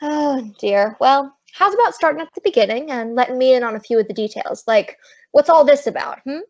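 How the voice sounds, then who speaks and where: High-voiced wisecracking Maisie, played by a woman. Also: animated, a little fast, darkish tone, no echo. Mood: skeptical, wry. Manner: sassy, slangy delivery. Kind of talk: old-time radio comedy acting. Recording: dull lo-fi close dry recording.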